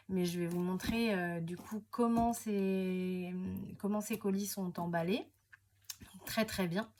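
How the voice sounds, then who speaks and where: A woman chatting casually to camera while unboxing craft papers, hesitant, full of fillers and self-corrections, sometimes dropping to a soft near-whisper. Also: medium pitch, slight background noise. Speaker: scrapbooking crafter presenting her channel.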